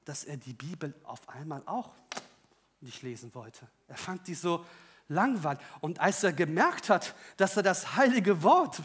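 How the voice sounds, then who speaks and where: A man with a high-pitched voice preaches to his congregation. He drives his points home with loud, rising emphasis. He then drops into quiet, wry personal asides and jokes. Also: animated, measured pace, slight background noise. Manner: personal and joking. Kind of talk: sermon.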